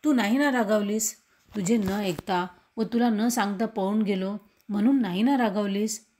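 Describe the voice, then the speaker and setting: A woman's voice: mid-range voice, normal speed, warm tone, lightly acted. A woman voicing a remorseful young boy who pleads tearfully with his mother, read as a storybook. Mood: pleading.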